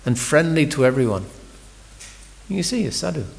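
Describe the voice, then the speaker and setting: A man's voice: on the high side, very animated, moderate pace, gravelly, in a large hall. A man giving a morning scripture class, talking in a conversational storytelling sermon, often repeating words as he restarts. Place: large temple hall.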